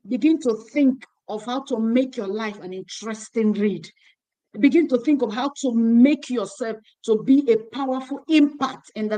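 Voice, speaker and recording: A woman's voice: high-pitched, warm tone, poor audio. A woman hosting a youth ministry livestream, exhorting young women in a preacherly, repetitive way while holding a phone. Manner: exhortative, preacherly, repeating phrases. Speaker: host. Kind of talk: closing remarks on a livestream. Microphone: phone held in hand.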